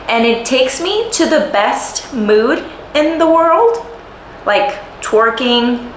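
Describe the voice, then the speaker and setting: Young woman, from Puerto Rico, chatty vlog, animated, laughs often, roomy echo. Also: medium pitch. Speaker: vlogger. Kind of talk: chatty life-update vlog. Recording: roomy echo, faint room noise.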